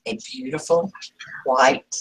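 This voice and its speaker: A woman's voice: a little high, big pitch swings, takes it slowly, vocal fry, rough recording. A woman, chatting casually on a craft vlog and reading out viewer comments. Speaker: craft vlogger. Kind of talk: casual live chat.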